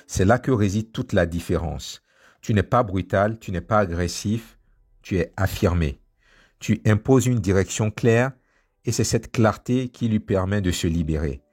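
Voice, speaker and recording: A man reading a scripted motivational voice-over in a slow, emphatic, commanding way. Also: deep voice, darkish tone, husky. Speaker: motivational narrator.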